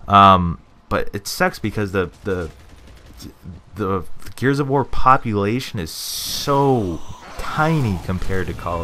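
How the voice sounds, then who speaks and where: A man's voice: sits low, fairly bright tone, a little hiss or hum. A young man giving casual gaming opinions, rambling with lots of fillers and restarts. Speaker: gaming video creator.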